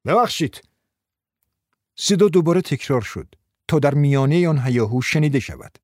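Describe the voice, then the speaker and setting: A man reading a novel aloud in a measured, even way. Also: a little high, no room sound, studio quality. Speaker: narrator. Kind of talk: audiobook narration.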